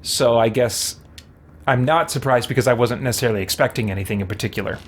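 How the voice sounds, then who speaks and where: A medium-pitched man talks fast while hosting a game livestream, chatting casually and thinking aloud as he plays. Game sounds and character voices run underneath, with slight background noise.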